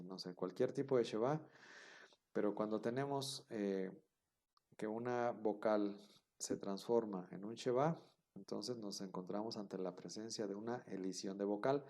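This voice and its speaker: A man's voice: on the low side, mellow. A man teaching a grammar class, explaining step by step and checking in with his students. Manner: explanatory, repeats key terms, checks with "¿no?". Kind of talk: recorded classroom lecture.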